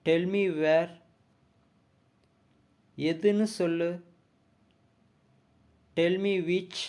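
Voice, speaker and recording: Very slow male teacher. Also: high voice, a little mellow. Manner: reads each question carefully, pausing between pairs. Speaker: spoken English teacher. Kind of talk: slow bilingual sentence drill.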